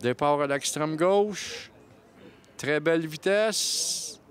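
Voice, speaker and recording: A man's voice: on the high side, takes it slowly. A man with a Quebec French accent giving analytical live colour commentary on mini-putt, explaining shots and scores.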